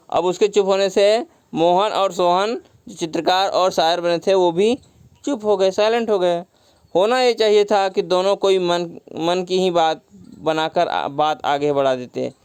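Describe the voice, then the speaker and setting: A man's voice: a little high, darkish tone, clean tone, no echo. A man teaching a story lesson, retelling each line and glossing words with simple synonyms, mixing in English words. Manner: mixes English words into the explanation.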